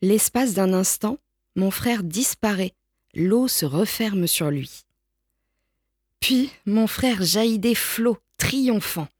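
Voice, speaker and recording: A woman reading a children's picture book aloud in a slow, gentle storytelling manner. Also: mid-range voice, animated, husky, no room sound, studio quality. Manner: slow, gentle storytelling with lifted voices for the brother. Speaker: storybook reader.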